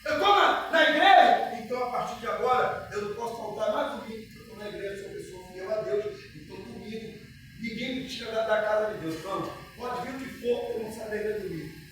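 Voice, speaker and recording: A man's voice: sits high, fast talker, noisy background. A man preaching as pastor, asking the congregation rhetorical questions and repeating his points. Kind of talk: sermon with retold dialogue. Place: church. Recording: echoey church recorded from a distance.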